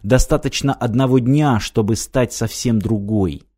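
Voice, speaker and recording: Sharp young woman in an audiobook, earnest and a bit teasing, mellow tone, read by a man. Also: medium pitch, measured pace, close to an everyday voice.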